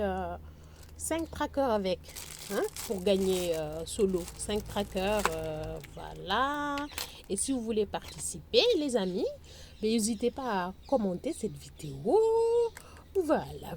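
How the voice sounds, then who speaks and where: A woman's voice: mid-range voice, darkish tone, a little hiss or hum. A woman chatting casually to her viewers about budgeting, often hesitating and breaking into playful sing-song teasing. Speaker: budgeting vlogger. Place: on her balcony, outdoors.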